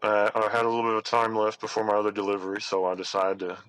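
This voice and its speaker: Male storyteller, low and bright, jaw wired shut so words come through clenched teeth, halting delivery. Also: little pitch movement, no echo, rough recording. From Arizona, United States. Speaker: caller telling a personal story. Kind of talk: casual first-person storytelling.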